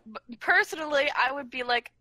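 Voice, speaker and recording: Giggly, bright-voiced young woman. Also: high-pitched, animated, fairly quick, dry recording. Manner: giggly, crude and teasing. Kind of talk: casual chat. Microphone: laptop mic.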